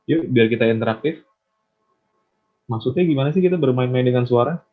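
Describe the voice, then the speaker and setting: A man's voice: medium pitch, a little fast. A man teaching public speaking in an online class, encouraging and asking his students questions. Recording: tinny phone-like line.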